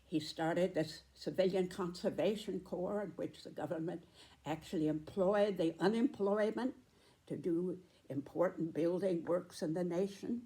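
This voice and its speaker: A woman in her nineties giving a reflective spoken commentary, with deliberate, emphatic phrasing and pauses. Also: on the low side, dark tone. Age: 90s.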